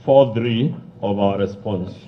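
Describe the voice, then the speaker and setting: Forceful lawyer cross-examining. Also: male voice, fairly low pitch, slow, a little hiss or hum. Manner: forceful, combative questioning. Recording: muffled lo-fi broadcast audio.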